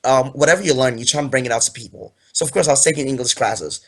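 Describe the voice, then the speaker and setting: A man's voice: medium pitch, fast, slightly rough. A young man in his twenties, originally from Ghana, talking as an author guest in a casual interview, earnest and rambling with fillers.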